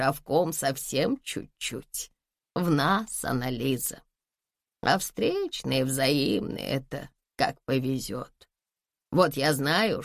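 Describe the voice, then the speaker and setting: Elderly mother, read by a woman: tender, fretful, unhurried, low-voiced audiobook read. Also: gravelly, no echo, clean studio sound, heavily acted. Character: elderly mother, gentle, worried, wise. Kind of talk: audiobook dialogue.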